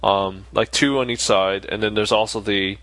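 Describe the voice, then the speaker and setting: Rambling man with halting restarts. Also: lowish voice, steady tone, a bit bright, no echo. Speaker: podcast co-host. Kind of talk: casual late-night chat.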